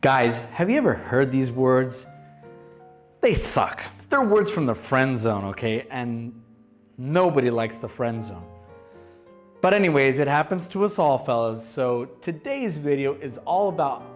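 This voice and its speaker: A man's voice: mid-range voice, sing-song, measured pace. A man in his thirties hosting a casual dating advice vlog, blunt and bro-ish, who keeps asking "okay?" and calling his viewers "guys". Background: faint background music.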